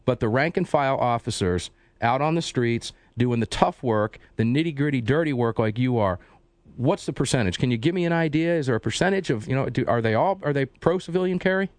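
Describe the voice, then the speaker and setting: A man hosting a radio talk show, interviewing a guest in a conversational, animated way with frequent restarts. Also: medium pitch, a little fast, no echo. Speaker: host.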